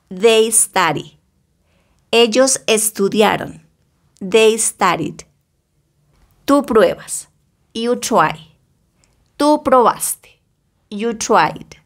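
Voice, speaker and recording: A woman teaching English grammar, slowly reading bilingual example sentences with careful pronunciation. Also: medium pitch. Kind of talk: slow bilingual grammar lesson.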